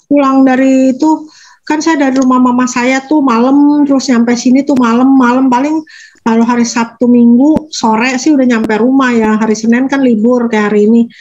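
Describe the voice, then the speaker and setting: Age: adult. Sex: woman. Role: interview guest. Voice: fairly high. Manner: rambling, halting, self-correcting. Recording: dull and lo-fi. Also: fairly even intonation, darkish tone. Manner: rambling, halting, corrects herself mid-sentence. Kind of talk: casual conversational interview.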